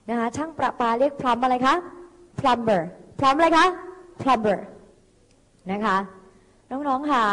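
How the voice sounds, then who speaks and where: A woman's voice: on the high side, big-room sound. A woman tutor teaching vocabulary on TV, coaxing students to answer and repeat after her. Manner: animated, coaxing call-and-response with students. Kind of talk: lively TV tutoring lesson.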